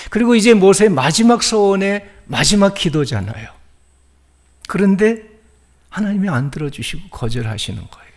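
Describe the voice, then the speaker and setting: A male pastor giving a Sunday sermon, telling the story and asking the congregation questions. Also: fairly high pitch.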